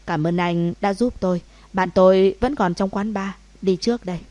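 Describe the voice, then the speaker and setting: A woman's voice: mid-range voice, normal speed, dark tone, no room sound, close to an everyday voice. A woman voicing a tense young heroine who speaks stiffly and politely in an audiobook.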